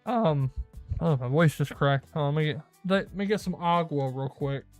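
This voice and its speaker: A man's voice: a little high, moderate pace, darkish tone, soft background music. A man hosting a casual gaming news show, rambling and correcting himself as he goes. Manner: rambling, self-correcting, laughs often. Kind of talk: casual solo gaming chat.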